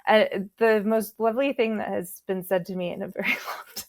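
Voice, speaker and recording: A woman hosting a podcast in a loose, conversational way. She tells stories with quoted back-and-forth and laughs often. Her voice sits at an ordinary middle pitch. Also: fairly even intonation, fairly quick. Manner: chatty storyteller, laughs often. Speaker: podcast host.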